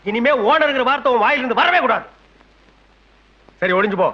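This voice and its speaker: An actor playing a swaggering middle-aged neighbourhood tough who bullies and threatens people. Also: male voice, very high-pitched, lively intonation, brisk, highs cut off. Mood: bullying. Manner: bullying, boastful, threatening. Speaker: local strongman. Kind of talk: film comedy acting.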